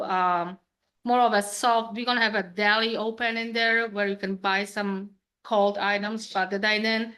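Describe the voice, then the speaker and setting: A woman's voice: mid-range voice, fairly bright tone. A woman from Poland with a Polish accent, speaking English informally with frequent fillers as a restaurant owner addressing a town council. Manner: informal non-native English, hesitant fillers. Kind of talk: public comment at a meeting.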